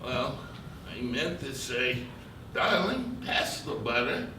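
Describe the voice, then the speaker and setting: A man's voice: medium pitch, sing-song, slow. A man playing a flustered confessing man. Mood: sheepish. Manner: sheepish then bursting out. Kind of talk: stage comedy acting. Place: theater stage. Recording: distant echoey stage recording with hiss.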